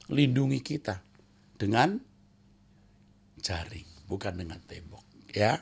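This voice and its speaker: Gravelly-voiced man preaching a sermon. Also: mid-range voice. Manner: swings from loud emphatic exclamations to hushed whispers; addresses listeners as "saudara", repeats phrases for emphasis. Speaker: pastor.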